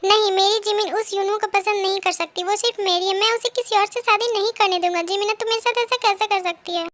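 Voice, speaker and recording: A lovesick young man pleads and despairs, as a woman puts him on in a homemade fan-fiction story. The voice sits very high and bright, with almost no attempt to deepen it. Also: fairly even intonation, fast talker. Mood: distraught. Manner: pleading, desperate. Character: young man heartbroken over his lost love. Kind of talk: Hindi fan-fiction dubbing.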